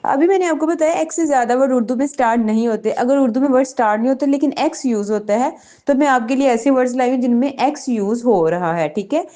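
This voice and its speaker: A woman's voice: high-pitched, quick pace, mellow. Patient woman teaching English vocabulary. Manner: patient, repeats words and adds frequent checks. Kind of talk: online lesson explaining vocabulary.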